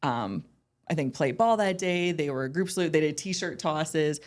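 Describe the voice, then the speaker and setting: A woman's voice: deep voice, animated, moderate pace. Chatty young woman full of "like". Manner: chatty, upbeat, lots of "like" and "um". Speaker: guest, ballpark entertainment manager. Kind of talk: casual interview chat.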